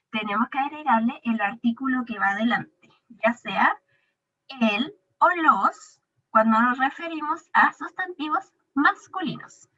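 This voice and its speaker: A woman's voice: on the high side, bright, forceful tone. A woman teacher giving a recorded grammar lesson to a young pupil, patiently drawing out the example words. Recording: dull lo-fi recording.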